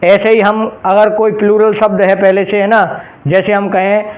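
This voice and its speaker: A male English grammar teacher giving an exam-prep lesson. He explains each rule patiently and reads out example phrases slowly, stopping to ask his students rhetorical questions. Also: high voice, completely flat delivery, rough recording. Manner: addresses students directly and checks understanding with rhetorical questions.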